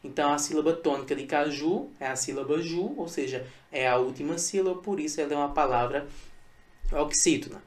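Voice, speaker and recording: A man's voice: fairly high pitch, fairly quick. Brazilian male teacher, patient recorded lesson, repeats key points, checks in often. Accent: Brazilian Portuguese. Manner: patient, repetitive explaining with checking "tá?" tags.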